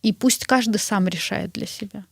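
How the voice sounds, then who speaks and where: A woman of middle pitch gives interview answers in a steady, reasoned way, now and then asking the listener if they follow. Her voice is recorded dry and close, with no room sound. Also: creaky, dry recording. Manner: measured, explaining, appeals to the listener. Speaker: guest.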